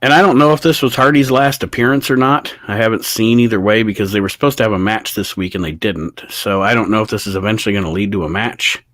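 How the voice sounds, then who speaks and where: A man's voice: fairly low pitch, steady tone, fast talker, few pauses, a bit bright, dry recording. A man co-hosting a podcast in casual, opinionated chat, reading viewer comments aloud. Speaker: podcast co-host.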